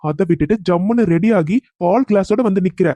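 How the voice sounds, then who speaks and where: A man's voice: sits high, fast talker, dark tone, no room sound. A man voicing an angry, humiliated young husband in a cartoon story, bitterly accusing his new bride.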